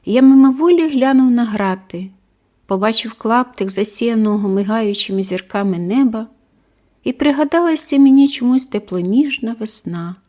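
Brief: female audiobook narrator, measured and expressive, a bit higher-pitched voice. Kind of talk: scripted first-person story narration.

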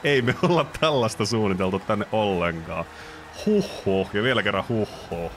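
A man doing playful, jokey play-by-play commentary on a wrestling video game, breaking into loud surprised exclamations. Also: on the low side, lively intonation, a little hiss or hum.

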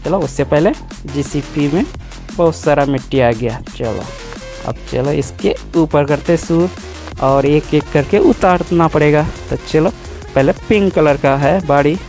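A man's voice: fairly high pitch, measured pace, a little mellow, faint music behind. A man narrating his toy play for a children's channel, exclaiming often and talking to the toys.

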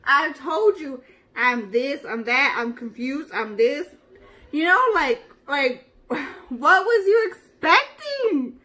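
A woman's voice: on the high side, slow, long pauses. A woman playing a sassy, drama-queen self-made star. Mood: indignant. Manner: slangy, theatrical, swings from hushed confiding to loud indignation. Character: dramatic, sassy young woman who thinks she is famous. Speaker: interviewee. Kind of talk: comedy sketch acting.

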